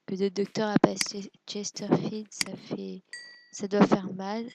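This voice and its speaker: A woman's voice: medium pitch, little pitch movement, a little slow, vocal fry, very noisy. A woman giving casual gameplay commentary, hesitant and self-deprecating, musing aloud with lots of fillers. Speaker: let's play gamer.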